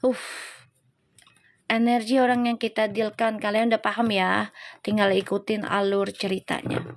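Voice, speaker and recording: A woman's voice: medium pitch, little pitch movement, moderate pace. A woman tarot reader, hosting a live stream in a casual, chatty way, teasing viewers and greeting them by name.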